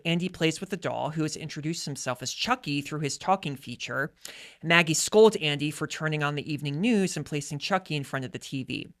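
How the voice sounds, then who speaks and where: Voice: medium pitch, a bit bright. Podcast host walking thru a film plot, jokey, casual. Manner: recaps the story, then jokes and laughs. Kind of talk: casual chat with plot recap.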